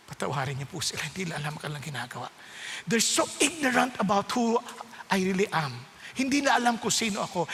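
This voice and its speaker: A man preaching a sermon, moving between calm teaching and loud, emphatic preaching. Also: high-pitched. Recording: long hall reverb.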